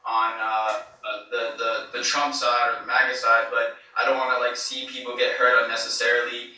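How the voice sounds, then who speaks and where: A man giving a hesitant eyewitness account, full of fillers and restarts, heard through low-quality streamed clip audio. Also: little pitch movement, normal speed, bright, forceful tone, very echoey, far from the mic, faint music behind. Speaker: eyewitness being interviewed. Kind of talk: casual spoken account.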